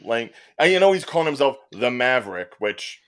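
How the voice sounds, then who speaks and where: Man with a lively, swinging voice. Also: mid-range voice, brisk, clean tone. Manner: animated, joking. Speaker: podcast host. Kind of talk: casual wrestling panel talk.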